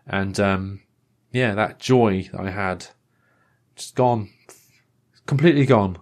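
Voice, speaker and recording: A man's voice: fairly low pitch, slow. A man telling a rambling, self-deprecating story in a casual monologue, full of fillers and restarts.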